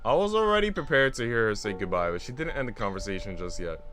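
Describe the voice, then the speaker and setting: This male streamer sounds bright and animated yet sits lowish in pitch, talking fast while reading a visual novel aloud to his audience. He mixes casual livestream banter with narration, dropping slangy, lively asides over soft background music.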